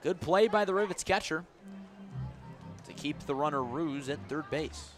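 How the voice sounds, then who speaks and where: A slightly high-pitched male announcer, moving at a moderate pace with music in the background, describes a live baseball game on the radio and raises his voice during the action. He's outside at a ballpark, where outdoor ambient noise can be heard.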